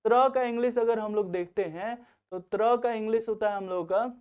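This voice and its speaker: High-voiced man teaching grammar on a tinny line. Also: brisk, clear, resonant tone. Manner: repeats "theek hai na" as a check-in. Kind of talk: Hindi grammar lesson. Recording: tinny phone-like recording.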